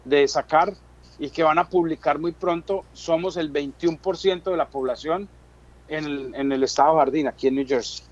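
Here a business chamber chairman, a middle-aged Colombian man, tells his story in conversational Spanish while being interviewed. His pitch is fairly high, and the recording's highs are cut off.

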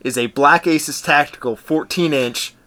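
A man with a bright, forceful voice, co-hosting a casual podcast. He is laid-back and agreeable and often chimes in with quick remarks. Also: fairly high pitch. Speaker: podcast co-host.

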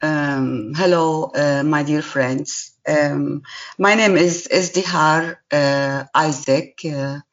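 A woman around sixty, telling her life story as a podcast guest in a halting way with many pauses. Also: deep voice, fairly even intonation, lo-fi sound. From Syria, raised in Jordan. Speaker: guest, charity partner. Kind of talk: personal story in a podcast interview.

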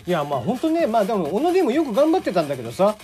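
A man's voice: rapid-fire, faint music behind. A man from Kagoshima with a mixed Kagoshima and Hakata accent, hosting a casual solo podcast, chatty with lots of fillers. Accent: mixed Kagoshima and Hakata dialect. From Kagoshima, Japan. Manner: chatty, many fillers, lively pitch swings. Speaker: podcast host. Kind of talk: casual solo radio talk.

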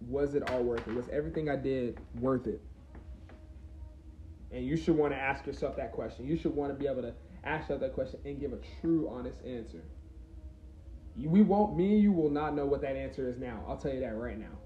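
A man's voice: medium pitch, a little fast, warm tone, a little hiss or hum. A man of about twenty, hosting a solo podcast and talking in a rambling, reflective way with lots of fillers and restarts. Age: 20s. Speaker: podcast host. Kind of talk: casual solo podcast talk. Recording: roomy, slightly dull recording.

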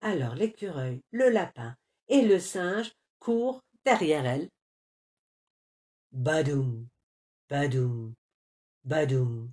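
A woman reading a children's story aloud, expressive and playful with sound words. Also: fairly low pitch.

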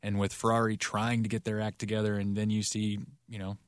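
Low-voiced, enthusiastic male podcast co-host. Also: completely flat delivery, brisk, no echo, clean studio sound. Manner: enthusiastic, rambling with fillers. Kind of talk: casual chat.

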